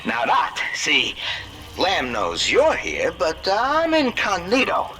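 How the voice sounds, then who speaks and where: An actor playing a sly, fast-talking male reporter who wheedles his way into a shady deal, in a video game. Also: high-pitched, huge pitch swings, over music, full character voice. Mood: scheming. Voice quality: smarmy, wheedling. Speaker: game character.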